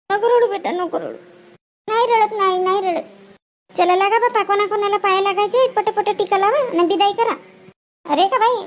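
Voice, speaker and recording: A woman, acting a chatty village woman at a wedding in a comedy skit, brisk and bossy, tagging her lines with questioning hums. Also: extremely high pitch.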